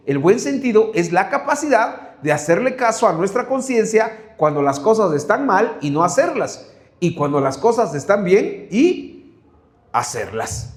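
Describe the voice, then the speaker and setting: A man's voice: sits high, reverberant. A man from Mexico with a Mexican Spanish accent, preaching a sermon and asking one rhetorical question after another. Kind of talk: sermon Bible study.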